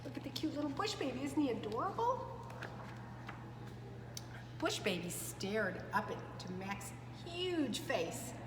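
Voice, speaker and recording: With a high, sing-song voice, this woman reads a story to young children at a measured pace, leaving long pauses. She tells it expressively as a preschool storyteller, tossing chatty asides to her audience. Background noise is clear in an echoey, reverberant space.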